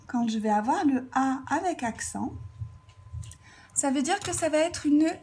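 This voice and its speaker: A woman teaching a grammar lesson, explaining slowly and carefully while she writes out examples. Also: high voice, animated, darkish tone, slight background noise. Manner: slow, careful dictation, writing while talking.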